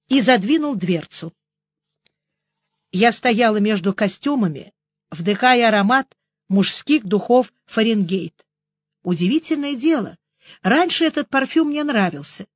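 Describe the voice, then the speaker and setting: Woman narrator, higher voice, ironic first-person audiobook, dry booth. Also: breathy edge, no room sound, lo-fi sound.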